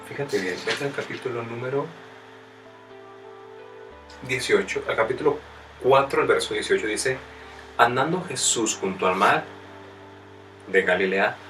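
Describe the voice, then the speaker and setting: A man preaching a sermon with a strained throat, addressing the listener directly as brother and rising to loud, emphatic passages. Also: mid-range voice. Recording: distant mic with faint music.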